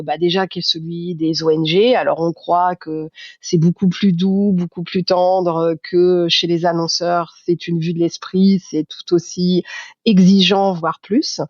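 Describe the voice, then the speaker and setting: A woman in her fifties from Paris, speaking as a podcast guest, reflective and halting, with many fillers and restarts. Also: fairly low pitch, a little mellow, no room sound, dull audio. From Paris, France. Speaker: guest, communications agency founder. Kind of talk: podcast interview.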